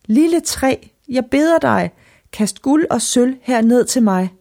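A woman voicing a gentle, sad young girl who pleads softly in a lifted storybook voice. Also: fairly high pitch, expressive, vocal fry, voice pushed up. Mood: pleading.

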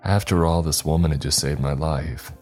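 A man narrating a first-person horror story in a measured, tense way. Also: a bass voice, a little mellow, faint music behind.

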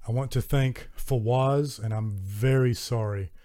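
An earnest man with a Southern American accent hosts a solo podcast, talking casually into a close microphone. His voice is mellow and dark, with an average pitch. He sounds enthusiastic and often restarts his sentences. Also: measured pace. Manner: earnest and enthusiastic, with warm thanks and frequent restarts. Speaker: podcast host.

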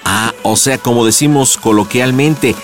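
A man's voice: medium pitch, unhurried, soft background music. A man hosting a prank show, chatting casually with a caller in a teasing, playful, slangy way. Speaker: radio prank show host. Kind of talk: casual joking phone chat with caller.

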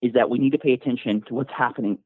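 A man calls in over a tinny phone line, a little out of breath after a run. He speaks haltingly, stumbling through fillers and restarts. The sound is dry and narrow. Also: mid-range voice, slightly rough, no room sound. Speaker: caller.

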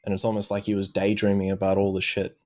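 A man with a somewhat low voice chats on a movie podcast. He retells a story in a loose, meandering way, swearing freely and filling gaps with "like" and "um.". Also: monotone, fast talker, a little mellow. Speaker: podcast co-host. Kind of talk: casual chat, retelling an anime plot.

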